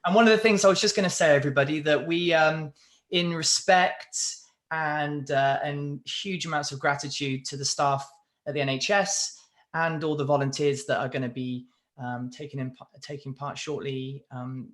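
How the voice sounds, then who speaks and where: A man's voice: fairly high pitch, fairly even intonation, normal speed, fairly bright tone. A man hosting an online Q&A, chatty and upbeat, reading out audience questions. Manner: chatty, upbeat, loose with fillers. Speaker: host. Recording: echoey room.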